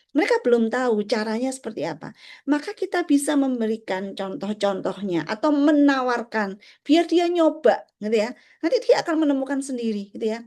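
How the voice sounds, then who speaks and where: Gentle higher-voiced woman explaining parenting. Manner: gentle, explanatory, acts out parent-child dialogue. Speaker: parenting speaker.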